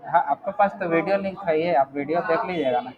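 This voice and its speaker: Patient male Arabic teacher, high voice. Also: quick pace, phone-quality sound, background noise. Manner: patient, checks in with "theek hai?" often. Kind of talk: online class teaching.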